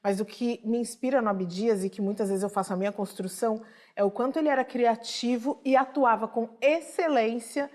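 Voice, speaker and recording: Brief: woman talk show host, slightly high voice, inquisitive and engaged. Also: fairly even intonation, brisk, hardly any pauses, darkish tone. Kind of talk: TV studio conversation.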